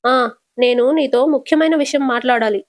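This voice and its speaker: Shrill scheming mother-in-law, voiced by a woman. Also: brisk, darkish tone, dry recording, natural voice. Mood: indignant. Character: scheming middle-aged mother-in-law, sharp-tongued, easily riled.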